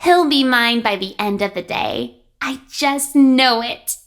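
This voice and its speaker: A woman voicing a lovesick, obsessive, girlish animatronic in a video game, with breathy, dreamy swooning. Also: on the high side, slow. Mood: dreamy longing. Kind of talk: video game character acting.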